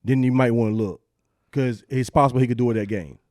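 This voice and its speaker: A man's voice: medium pitch, fairly even intonation, fast, a little mellow, dry recording, clean studio sound. A man co-hosting a sports podcast, chatting casually and repeating himself as he works toward his point. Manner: rambling, repeats words, laid-back. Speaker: podcast co-host.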